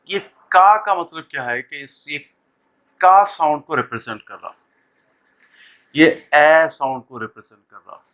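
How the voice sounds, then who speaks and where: Male teacher, lesson delivery; slow and deliberate, bright forceful tone, repeats sounds often. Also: mid-range voice. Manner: deliberate, repeats sounds and words, many pauses. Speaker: English teacher. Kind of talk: classroom lesson explaining pronunciation.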